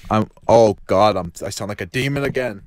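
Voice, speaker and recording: A man's voice warped by a glitchy mic into a deep demonic half-robot growl, fairly low in pitch. He rambles and swears his way through loose podcast banter. The sound is dry and close. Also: fairly quick, darkish tone, no echo. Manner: rambling, swears constantly, laughs often. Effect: distorted deep demonic, half-robot mic filter. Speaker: podcast co-host. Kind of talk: casual profane podcast banter.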